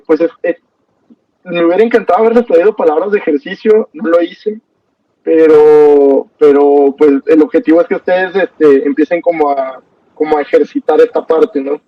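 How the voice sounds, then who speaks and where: A young man teaching an online poetry class, relaxed and hesitant, with many fillers and restarts. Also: a little high, dry recording, distant mic. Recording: dull, dry sound from off mic.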